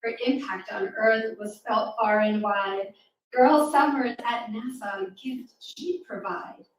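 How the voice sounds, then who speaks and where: In a mid-range voice with fairly even intonation and a slow pace, a woman reads rhyming verse to small children at a live event. She's encouraging and interactive; the large room echoes, and faint noise reaches the distant mic.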